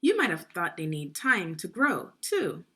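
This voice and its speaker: Speaking a little slowly in a lowish, sharp-toned voice, this woman is very animated. She narrates a read-along for kids, enunciating carefully and quizzing the young learners as she teaches.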